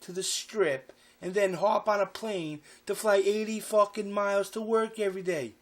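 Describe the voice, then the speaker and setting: A man voicing his drunk, furious middle-aged father, ranting and swearing loudly. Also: high voice, steady tone, normal speed, voice pushed up, lightly acted. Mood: shouting. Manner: shouting, profane.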